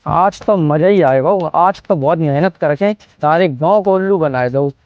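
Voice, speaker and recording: A man's voice: a little high, a little slow, dull audio, slight background noise, lightly acted. A man playing a wily, theatrical fake holy man in a comedy sketch, speaking rural north Indian Hindi dialect. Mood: scheming, grumbling. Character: wily male fake village holy man conning villagers.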